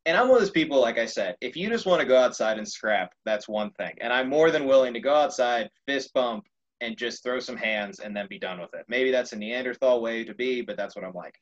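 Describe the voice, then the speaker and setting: A young man telling a story in casual conversation, animated and laughing often. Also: medium pitch, fairly quick, highs cut off.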